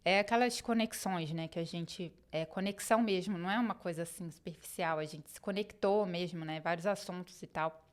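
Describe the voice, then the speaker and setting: A woman's voice: on the low side, brisk. A woman with a Brazilian Portuguese accent, telling a personal travel story in a chatty, rambling way. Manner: chatty, rambling, acts out quoted conversations.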